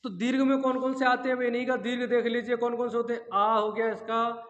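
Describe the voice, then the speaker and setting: The male teacher here has an extremely high pitch, a fairly bright tone, and an utterly flat delivery. Lecturing on grammar for exam prep, he asks and answers his own questions, elongating vowels and chanting syllables as demonstrations. The recording is dull and lo-fi, set in a room with long echo.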